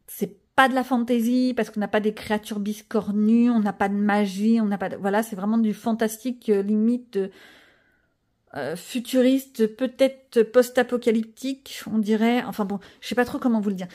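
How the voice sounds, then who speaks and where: A woman's voice: fairly high pitch, fairly even intonation, normal speed, dark tone. A middle-aged woman, chatting casually and rambling with self-mocking asides in a home vlog. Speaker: vlogger. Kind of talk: casual chat while coloring.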